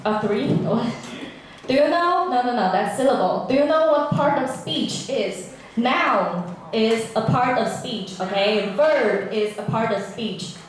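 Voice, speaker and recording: A woman's voice: on the high side, animated, measured pace. A woman teaching an English class, patiently drilling words with repetition and questions. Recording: echoey classroom, from far off.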